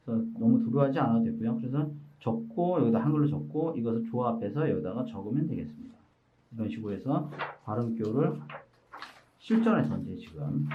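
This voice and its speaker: A male teacher walks through a workbook page by page, patient and methodical, his pitch rising and falling a great deal as he explains. The recording is a bit muffled and lo-fi. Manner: patient, explains step by step, often reads sounds out slowly. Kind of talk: explanatory lesson walkthrough. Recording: slightly muffled lo-fi audio.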